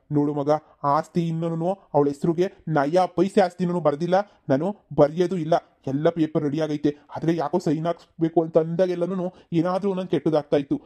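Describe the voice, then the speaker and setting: In a cartoon comedy, a man voices an enraged middle-aged village father, shouting threats and later begging forgiveness. His voice is a little high and lightly acted.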